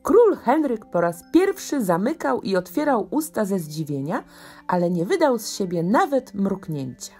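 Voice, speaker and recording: A woman narrating a children's bedtime story in a gentle, expressive storytelling manner. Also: medium pitch, normal speed. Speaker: audiobook narrator. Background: faint music.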